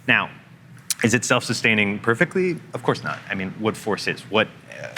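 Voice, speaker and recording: A man's voice: on the low side, big pitch swings, normal speed, bright, forceful tone, slight background noise. A man who is a journalist, explaining his reporting in a loose, conversational way full of fillers. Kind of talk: interview conversation.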